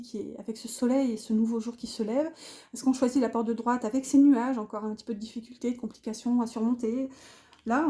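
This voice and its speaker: Woman doing a chatty tarot reading for viewers, kinda high voice, soft and mellow, lots of umms. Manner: chatty, hesitant with many fillers, addresses viewers directly. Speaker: tarot reader. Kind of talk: casual tarot reading to camera.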